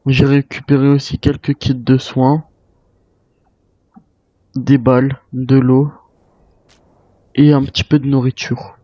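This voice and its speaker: Pausing often, a man speaks slowly and warmly as a weary retired soldier, hesitantly musing to himself in an improvised survival-game roleplay. His medium-pitched voice has little pitch movement, recorded through a dull, roomy microphone.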